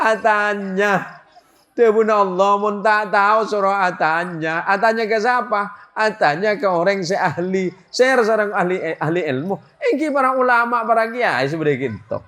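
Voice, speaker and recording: A middle-aged man preaching a humorous sermon to a gathering, telling an anecdote with animated, switching local speech. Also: high-pitched, moderate pace. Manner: animated storytelling, switches between Madurese-style local speech and Indonesian. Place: religious school gathering, audience laughing.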